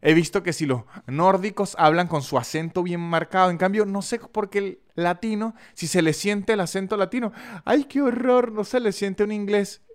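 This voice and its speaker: This is a man from San Cristóbal, Venezuela, who speaks with an Andean accent. He hosts a solo podcast and talks in a loose, jokey way, poking fun at himself and calling out to his listeners. His voice sits a little high for a man. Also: normal speed, hardly any pauses, clear, resonant tone. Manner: chatty, jokey, self-mocking, addresses listeners as "muchachos". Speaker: podcast host. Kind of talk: solo podcast monologue with read sponsor ads.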